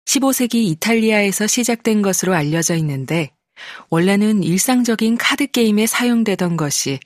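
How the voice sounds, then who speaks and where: A woman, a professional voice actor, reading an informative audiobook calmly and evenly, close on a studio microphone. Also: medium pitch, moderate pace, no room sound. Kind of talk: scripted narration.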